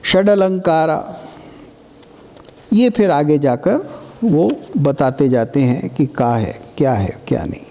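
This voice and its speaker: A man's voice: on the high side, lively intonation, slow, dark tone. A man giving a classroom lecture, explaining patiently and breaking now and then into chanted demonstrations. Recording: reverberant lecture hall.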